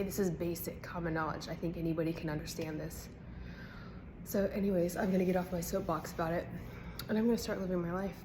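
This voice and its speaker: Lowish-voiced woman vlogging over clear background noise. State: recovering the day after dental surgery. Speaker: health vlogger. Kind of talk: casual personal vlog to camera.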